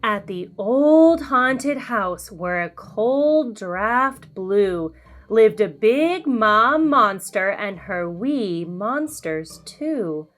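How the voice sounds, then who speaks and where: Reading a story to children, this female host sounds lively and lets her pitch swoop up and down. Her animated sing-song is slow and deliberate, set against background music.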